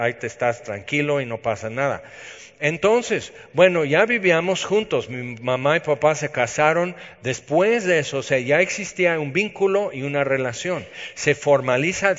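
A man with a Mexican accent preaches in a relaxed, conversational way. He tells personal stories with a teasing sense of humor. His voice is mid-pitched and trails into a long hall reverb, and the recording sounds slightly dull. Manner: chatty, storytelling, self-teasing humor. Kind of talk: conversational sermon.

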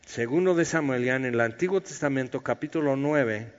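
A man's voice: medium pitch, normal speed. A man preaching a conversational sermon, explaining scripture and acting out its dialogue. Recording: dull, long-reverb hall sound.

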